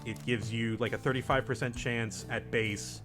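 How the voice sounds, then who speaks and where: Game music underscores a young host's relaxed, jokey commentary as he leads a group let's play, going over the story and breaking down the game's mechanics. His voice is medium-pitched and steady, at a moderate pace.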